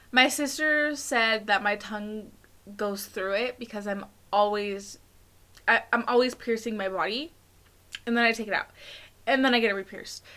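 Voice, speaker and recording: A woman's voice: a little high, sharp tone. A woman vlogging her makeup routine in casual chat, talking with a slight lisp from a tongue piercing, chatty and candid. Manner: chatty and candid, fillers and quick asides.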